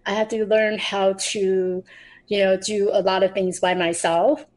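A woman's voice: mid-range voice, flat delivery, unhurried, darkish tone, low-quality recording. A middle-aged woman from Taiwan, a podcast guest, recounting her personal story earnestly, with frequent restarts.

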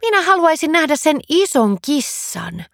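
A woman voicing an excited, curious little girl in a storybook reading. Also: high-pitched, vocal fry, no echo, studio quality, pitched above the performer's own voice, heavily acted. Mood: eager.

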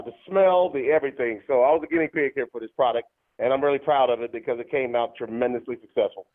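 50s guy calling in on a tinny phone line, talks fast, eager, lots of uhs. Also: on the high side. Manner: eager, full of fillers. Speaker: radio guest. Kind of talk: phone-in interview.

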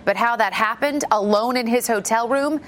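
A woman's voice: a little high, normal speed. An American woman correspondent narrating a scripted TV news report.

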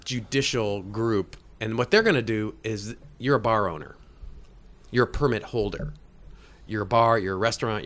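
A man's voice: on the low side, a bit bright, smooth. Man in his fifties explaining at length. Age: 50s. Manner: rambling explanations with many restarts. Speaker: guest, state agency head. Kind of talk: casual interview chat.

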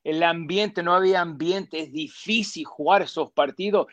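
Man, football pundit, fillers, emphatic, slightly high voice, dry studio sound. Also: moderate pace, fairly bright tone, no room sound. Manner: emphatic, repeats points, mixes English fillers like "so" and "yeah". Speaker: football pundit, former player. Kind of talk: studio sports panel discussion.

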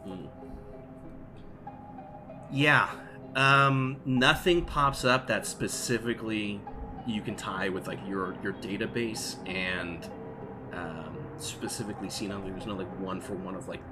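Rambling low-voiced male game master. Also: unhurried. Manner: rambling, many fillers like "like" and "you know". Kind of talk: narrating a tabletop game. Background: background music.

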